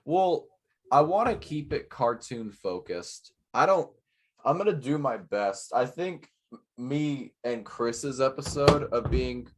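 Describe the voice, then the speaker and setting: A young man co-hosting a casual podcast, chatting in a rambling, self-mocking way and quick to joke. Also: medium pitch, expressive, a little hiss or hum. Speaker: podcast co-host. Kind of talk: casual chat.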